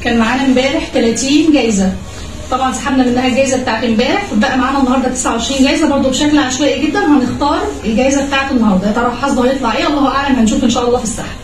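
A woman's voice: high-pitched, rapid-fire, a little hiss or hum. A woman with an Egyptian Arabic accent co-presents a live giveaway announcement, explaining directly to viewers. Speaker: co-presenter of a prize draw. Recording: echoey room, distant mic, faint music. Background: faint music.

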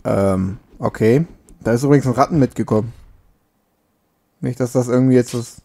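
Gravelly man chatting over a game. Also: mid-range voice, moderate pace, dark tone. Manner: chatty, joking, scolds the game character. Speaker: let's play gamer. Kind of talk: casual gameplay commentary. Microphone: makeshift home mic setup.

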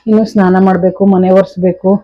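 Cooking and cleaning in her kitchen at home, a young woman talks casually and directly to her viewers for a vlog. Her voice is fairly low and level, her pace quick, and the audio is noisy with the highs cut off.

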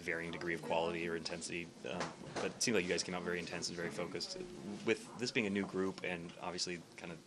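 A man's voice: low voice, level tone. A male reporter asking a long question in a locker room scrum. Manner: rapid, long-winded question. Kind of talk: press question. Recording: background noise.

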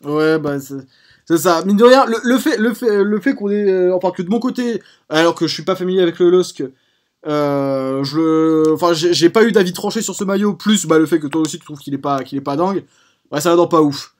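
Guy with a pretty high voice chatting on his stream, keeps going off on tangents. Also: a little fast. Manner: rambling, prone to digressions. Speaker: streamer host. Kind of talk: casual live-stream chat.

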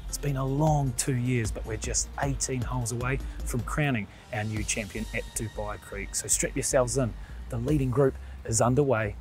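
A man's voice: medium pitch, normal speed. A man in his thirties presenting a scripted introduction to golf coverage. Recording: music under presenter.

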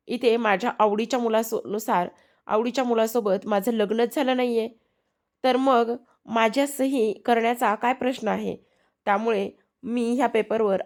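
A woman's voice: on the high side, a little mellow, voice pushed up, natural voice. A woman voicing a stubborn young heiress who indignantly refuses, in quoted lines from a serial recap.

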